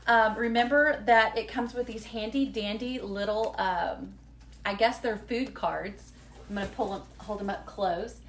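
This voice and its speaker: A woman's voice: medium pitch, a bit bright, slight background noise. A woman, chatting upbeat and folksy with viewers during a live unboxing at home. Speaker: lifestyle vlogger.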